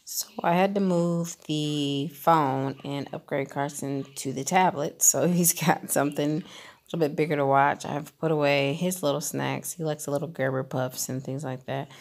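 A woman vlogger giving a chatty, relaxed voice-over about her home cleaning routine. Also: low voice, moderate pace, gravelly. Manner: chatty and relaxed, with fillers like "um" and "kinda". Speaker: lifestyle vlogger. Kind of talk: casual voice-over narration. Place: home recording, voice-over not recorded in the pictured kitchen.

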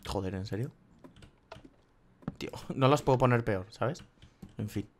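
A man's voice: medium pitch, measured pace, a little hiss or hum. Spanish man swearing through gameplay. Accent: Spain Spanish. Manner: swears often, cries out in sudden yelps. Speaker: gaming youtuber. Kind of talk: casual gameplay commentary.

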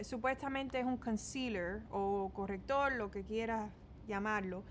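Speaking with a Cuban-American accent, a Miami woman in her twenties runs through a makeup tutorial from her small bedroom, mixing English into her casual Spanish as a beauty vlogger. Her voice sits a little high, and a faint hiss or hum can be heard.

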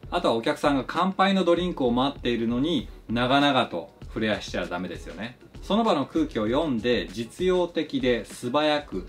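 A flair bartender narrates a scripted, educational explanation of his craft. He's polite and explanatory, and his pitch swings in a lively way.

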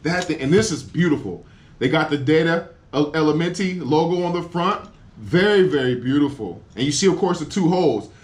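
A man's voice: a little high, lively intonation, normal speed. A man in his forties talking casually to camera in an outdoor unboxing vlog, enthusiastic and exclaiming over each part. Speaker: cycling vlogger. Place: outdoors against a building wall.

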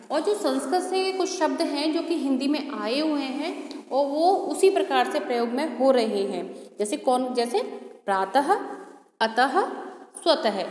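A woman teacher giving a grammar lesson, asking questions and answering them herself, now and then correcting a slip aloud. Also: high voice. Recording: echoey room with long reverb.

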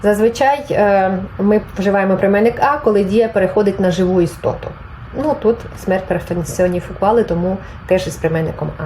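A woman's voice: medium pitch, a little fast, warm tone, slight background noise, poor audio. A woman teaching a Spanish grammar lesson, patiently explaining and reading example phrases aloud, then translating them. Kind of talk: online language lesson.

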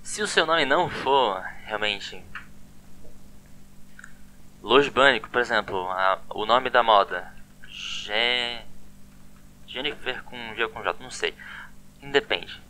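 A man's voice: mid-range voice, lively intonation, takes it slowly, long pauses, pushed and bright, slight background noise. A man giving a casual online language lesson, chatty and often repeating words with a questioning "né?". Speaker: language teacher.

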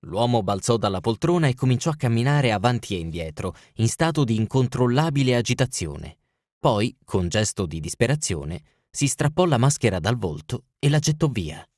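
A man narrates an audiobook in a measured, even way. His voice sits at a middle pitch for a man, and the recording is dry and close with no room sound. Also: no room sound. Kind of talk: scripted narration.

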